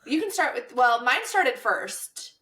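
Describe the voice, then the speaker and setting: A woman's voice: sits high, big pitch swings, unhurried, sharp tone. A woman co-hosting a podcast in casual chat, upbeat and playful, leading the talk. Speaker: podcast co-host.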